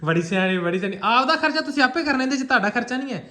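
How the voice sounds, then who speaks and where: A man's voice: expressive, racing. A young man with a Punjabi accent, teasing his mother in a family prank vlog. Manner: teasing, swings between loud and low. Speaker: vlogger son. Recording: echoey room.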